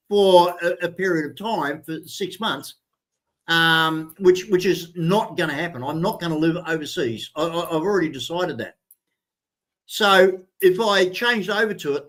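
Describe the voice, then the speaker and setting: A man's voice: sits high, fairly bright tone. A man, chatting bluntly and swearing with lots of restarts as co-host of a casual streamed talk show. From New Zealand. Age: 60s. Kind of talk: casual chat.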